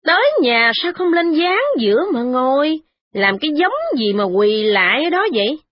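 A woman voicing a sharp-tongued, nagging young wife who whines and mocks. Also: high-pitched, expressive, moderate pace, no room sound, voice pushed up. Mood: sarcastic. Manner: whiny, nagging, sarcastic. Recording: dull lo-fi recording.

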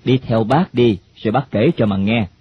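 A man voicing a calm, friendly middle-aged stranger, speaking slowly and hesitantly. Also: mid-range voice, slightly rough. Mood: confiding. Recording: dull lo-fi recording, faint hiss.

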